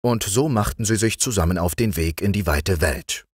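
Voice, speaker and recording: A man narrating a bedtime fairy tale, calm and expressive. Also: sits low, moderate pace, slightly rough, no echo, clean studio sound. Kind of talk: bedtime storybook reading.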